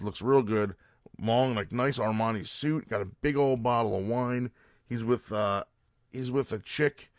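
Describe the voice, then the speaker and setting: Brief: rambling, cursing podcast host from New Jersey, low-ish voice, dry close mic. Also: male voice, no echo. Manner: rambling, profane, self-promoting. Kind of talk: casual rant.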